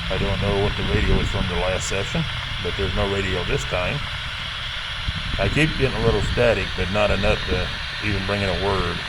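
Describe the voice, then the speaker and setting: A man's voice: low-pitched, steady tone, fairly quick. A man speaking as a paranormal investigator, addressing spirits and viewers with simple, repeated questions and commands. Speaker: paranormal investigator hosting a spirit box session. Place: outdoors in a cemetery. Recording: very noisy outdoor field recording.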